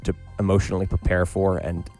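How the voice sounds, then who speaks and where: This male podcast host speaks in a low, monotone, slightly mellow voice at a fairly quick clip, with soft music playing behind him. His talk is casual chat and a laid-back outro, informal and appreciative, full of "man" and "dude."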